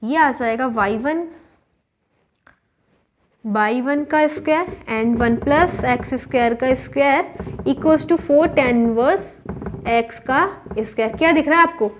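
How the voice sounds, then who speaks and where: High-voiced woman teaching maths. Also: takes it slowly, slight background noise. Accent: Indian. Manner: explains step by step, asks and answers her own questions. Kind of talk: whiteboard maths lesson. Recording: dull lo-fi recording.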